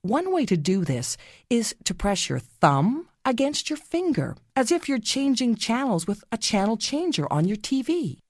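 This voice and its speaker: A woman narrating a scripted guided relaxation story for children in a soothing, gently instructing way. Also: fairly high pitch, big pitch swings, moderate pace, dry recording.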